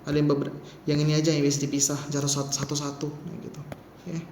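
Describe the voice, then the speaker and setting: A man with a fairly high voice leads a beginner language lesson, counting character strokes one by one and chatting loosely between them. He sounds roomy and echoey, with faint background noise. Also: monotone, darkish tone. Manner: counts character strokes aloud slowly, casual asides. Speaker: Mandarin teacher.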